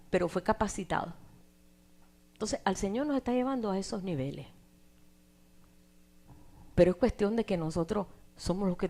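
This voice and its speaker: Brief: middle-aged woman preacher, sermon delivery that rises to loud emphasis and drops to hushed asides. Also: fairly high pitch. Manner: animated, swings from loud emphasis to near-whispered asides.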